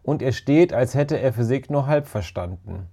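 A careful, sober schoolboy , as a man reads him in a storybook, comments in a dry, sighing way. The voice stays dark and mellow in an average pitch. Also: lively intonation, normal speed, breathy edge.

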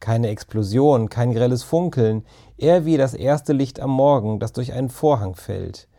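A man narrates a children's audiobook at a moderate pace, calm and even, with a warm, mellow tone at medium pitch.

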